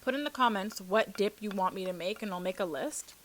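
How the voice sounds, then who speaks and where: A woman's voice: medium pitch, a little fast. A woman hosting an eating show, chatting informally to viewers between mouthfuls. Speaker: mukbang host. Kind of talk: casual chat to viewers while eating.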